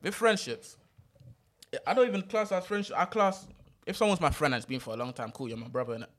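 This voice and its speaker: A man's voice: fairly high pitch, fast talker, fairly bright tone. A young man with a London urban street accent, chatting casually with friends in slangy roadman talk. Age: young adult. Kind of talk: casual group chat.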